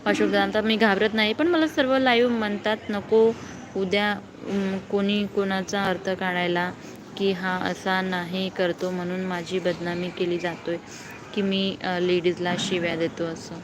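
Young woman reading viewer comments on a phone live stream outdoors; clear traffic and street noise. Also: medium pitch, little pitch movement, unhurried. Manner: reads comments aloud and answers viewers. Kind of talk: casual live-stream chat. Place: outdoors below a housing block at night.

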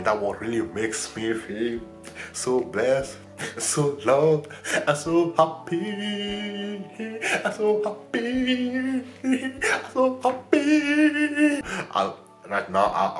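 A man's voice: lowish voice, fairly bright tone, roomy sound. A young man vlogging from his bed, chatting casually and affectionately, rambling and repeating himself. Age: young adult. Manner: rambling, repeats "you know what I'm saying", playful and affectionate. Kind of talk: casual vlog chat. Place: bedroom during lockdown.

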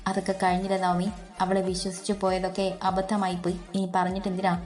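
A woman's voice: mid-range voice, monotone, fast, a little mellow, faint music behind, lightly acted. A woman voicing a young husband weighed down by debts, speaking in a hesitant, evasive way. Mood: strained.

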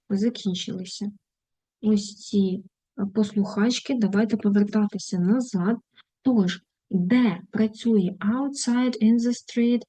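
A woman's voice: medium pitch, dark tone, no room sound, low-quality recording. A woman with a Ukrainian accent, an English teacher reading out words and translating them during an online lesson.

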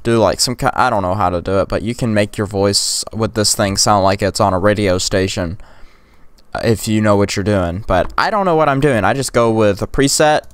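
A young tech tutorial creator with a lowish, smooth, clean voice talks fairly quickly through a casual screen-recorded software tutorial. He rambles, full of fillers and restarts, sometimes whispering and sometimes yelling in demos. He sits close to a USB condenser mic in a dry, dead room with no room sound.

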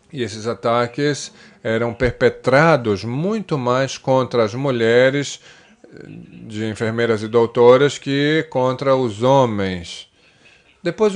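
A man giving a simultaneous interpretation voice-over of a panel discussion, measured and pausing often with fillers and restarts. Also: medium pitch, clean tone.

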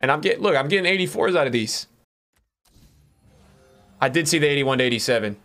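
A young man with a fairly high-pitched voice talks to his livestream chat. He sounds like a frat bro, casual and slangy, addressing everyone as bro, dude or man while he plays. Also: animated, fairly quick, fairly bright tone. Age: young adult. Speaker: game streamer. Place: small room indoors.

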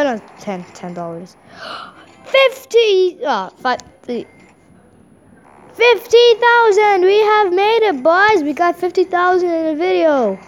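A woman giving excitable, giggly let's play commentary, talking to herself as she plays. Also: high-pitched, a little hiss or hum. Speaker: gameplay host.

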